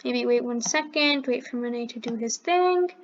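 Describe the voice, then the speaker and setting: High-voiced woman talking through a coding tutorial. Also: moderate pace, dull audio. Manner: thinks aloud step by step, correcting herself as she clicks. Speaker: channel host teaching coding. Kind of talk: screen-recorded coding tutorial.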